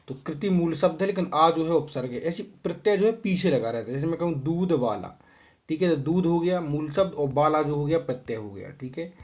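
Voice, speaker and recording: A young man explaining homework answers to children, reading out each question and then dictating the answer, with a constant "ठीक है" to check in. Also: a little high. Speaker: teacher. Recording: dull lo-fi sound.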